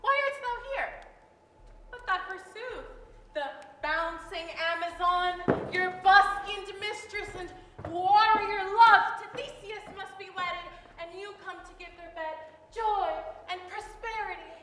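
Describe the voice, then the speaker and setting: A woman's voice: very high voice, moderate pace, pushed and bright. A woman playing a proud, jealous fairy queen in hammy, declamatory Shakespearean stage acting. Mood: scornful, jealous. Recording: noisy echoing hall, live stage performance.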